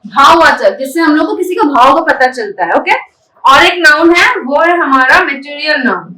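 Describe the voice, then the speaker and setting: A woman's voice: high voice, animated, moderate pace, bright, forceful tone. A woman teaching a spoken English class. She spells words out letter by letter, breaks them into syllables and keeps checking that her students are following. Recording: echoey room, voice picked up from a distance.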